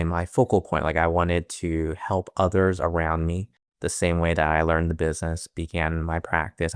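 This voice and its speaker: A financial advisor in his thirties, from the United States, answers interview questions earnestly in a low, smooth, resonant voice. Raised in America with Chinese as his first home language, he often restarts phrases and uses fillers. The recording is dry and close.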